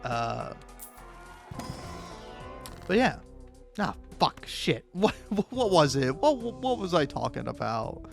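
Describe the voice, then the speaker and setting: Soft music plays behind a streamer whose fairly high, creaky voice swings widely in pitch as he speaks slowly with long pauses. He's high on drugs, narrating his game in a casual, meandering way, swearing, chuckling often and making fun of himself.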